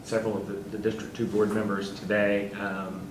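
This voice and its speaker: A man who sits on a school board, answering interview questions earnestly and haltingly, with fillers, and turning emphatic. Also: lowish voice, little pitch movement, reverberant, far from the mic, background noise.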